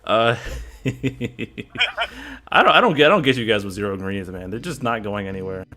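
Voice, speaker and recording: A man's voice: lowish voice, expressive, moderate pace, pushed and bright. A man hosting a casual livestream chat, rambling and reading out viewer messages. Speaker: stream host.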